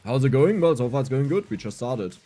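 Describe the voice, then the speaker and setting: Livestreaming gameplay, a young German-accented man reads out chat messages and answers them with self-deprecating jokes. He speaks fairly quickly in a mellow, mid-range voice with big pitch swings, over faint background music.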